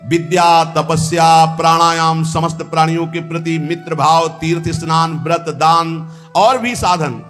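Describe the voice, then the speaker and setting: A man giving a devotional discourse, chanting verses slowly and then explaining them with fervour. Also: on the high side, fairly bright tone, soft background music. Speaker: spiritual preacher.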